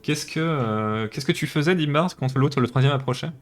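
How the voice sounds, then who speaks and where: Man running a tabletop game, halting. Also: medium pitch. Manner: relaxed, hesitant narration with many fillers. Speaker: game master. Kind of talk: narrating a tabletop role-playing game.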